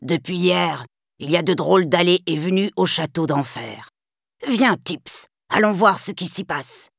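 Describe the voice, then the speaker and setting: A woman's voice: lowish voice, a little slow, creaky, breathy edge, no echo, studio quality, heavily acted. A woman voicing a serious old male detective dog who grumbles steadily. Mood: concerned.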